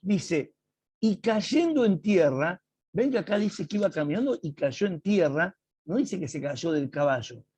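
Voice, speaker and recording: A man teaching an online Bible class over a video call, explaining slowly and emphatically and reading quotes aloud with drama. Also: fairly high pitch, animated, a little mellow, breathy edge, dry recording.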